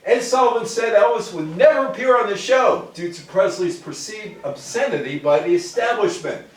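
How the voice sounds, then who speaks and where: An older American lecturer with a high, lively voice speaks at a moderate pace. He gives an informal public talk on music history, reading quotes, commenting, and making short direct asides to his audience. A distant microphone records him in a very echoey room.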